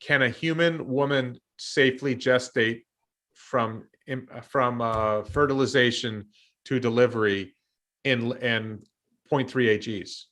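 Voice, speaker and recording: Bright-voiced American man in his fifties. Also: medium pitch, slow pace. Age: 50s. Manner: thinks aloud with many ums and restarts. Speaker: show host and investor. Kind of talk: casual discussion.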